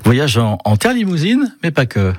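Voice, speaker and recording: A man's voice: fairly high pitch, huge pitch swings, moderate pace. A male radio presenter introducing segments in an upbeat announcing manner. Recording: noisy radio broadcast.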